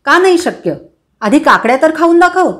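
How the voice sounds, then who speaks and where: A woman reading a story aloud and voicing a quick-tempered male cucumber seller who speaks excitably and emphatically. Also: high-pitched, voice pushed up. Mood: excited.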